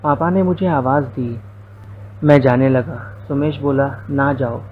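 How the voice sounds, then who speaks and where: A man's voice: mid-range voice, steady tone, a little slow, phone-quality sound, background noise. A young man narrating a first-person story, with quoted dialogue folded into his telling.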